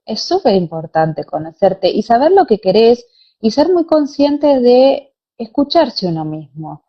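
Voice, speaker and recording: Speaking a little slowly in a slightly high, sing-song voice with a breathy edge, a former dancer who now teaches pilates chats as an interview guest. She's young and has an Argentine Spanish accent. Her audio comes over a dull, lo-fi online call.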